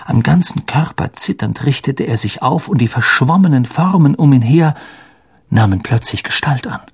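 A man narrating an audiobook with slow, expressive storytelling. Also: medium pitch, slightly rough, no echo, studio quality.

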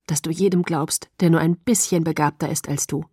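A woman reading an audiobook, voicing a calm, tender young male vampire lover in a soft, low, gentle voice. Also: brisk, slightly rough, no echo, clean studio sound.

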